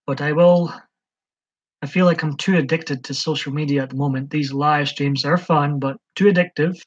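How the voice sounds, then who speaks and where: This live-stream host has a slightly high voice, a steady tone and a normal speed, and he responds to viewer comments with hesitant chatter and plenty of ums. His audio comes across as dull and lo-fi.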